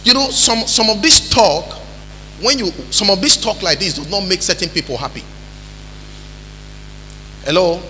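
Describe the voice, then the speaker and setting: A Nigerian man preaching a sermon as pastor, calling out to the congregation and building to shouts. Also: high-pitched, moderate pace, long pauses, a little hiss or hum. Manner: preaching with call-and-response, rising to shouts. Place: church hall. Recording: reverberant church hall with music.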